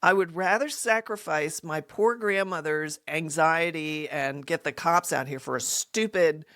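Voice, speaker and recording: Speaking a little slowly in a low voice, this podcast host shares an amusing story from her own life. She acts out others' lines and laughs a lot, keeping it animated.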